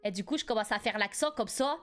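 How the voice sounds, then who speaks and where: Young woman streamer, animated storyteller, faint music underneath. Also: fairly high pitch, quick pace. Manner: animated, laughs often, rises sharply when indignant. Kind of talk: casual live-stream storytelling.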